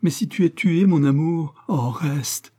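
A man's voice: mid-range voice, measured pace, warm tone, breathy edge, voice pushed up. A man voicing a desperate woman in love, pleading and tearful, in an audiobook reading.

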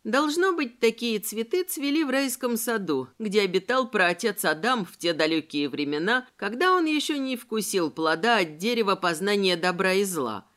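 Expressive woman reading an audiobook. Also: mid-range voice. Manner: expressive, measured storytelling. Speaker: audiobook narrator. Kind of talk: scripted narration.

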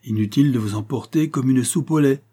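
Man voicing a village mayor, middle-aged, brisk, commanding, husky, mellow. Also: mid-range voice, voice pushed up, natural voice.

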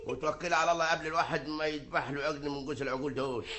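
A man's voice: fairly high pitch, fairly even intonation, crowd noise, natural voice. A man with an Egyptian accent playing a boastful, jealous village man in a comic radio play, bantering and blustering. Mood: cocky bluster. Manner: bantering, jokey, quick to bluster. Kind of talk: vintage radio comedy acting.

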